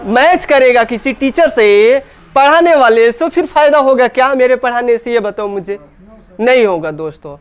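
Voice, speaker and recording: A man from India leads an English grammar lesson in Hindi, his voice sitting fairly high for a man. He fires questions at the class and often answers them himself, going over each point again and again in a classroom lecture. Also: lively intonation, normal speed, smooth. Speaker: English teacher.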